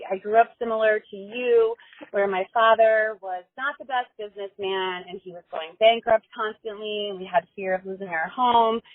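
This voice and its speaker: A woman's voice: a little high, dry recording. Woman on a tinny voicemail. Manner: earnest and eager, chatty. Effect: voicemail played over a phone line. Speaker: caller leaving a voicemail. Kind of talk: casual spoken message. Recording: tinny dry phone voicemail.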